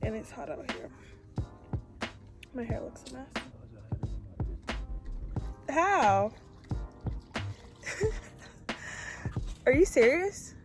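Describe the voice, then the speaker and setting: A woman's voice: on the high side, sing-song, very slow, pauses often, loud music behind the voice. A young American woman chatting informally to the camera, using slang and repeating phrases for emphasis. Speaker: vlogger. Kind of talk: casual chat to the camera.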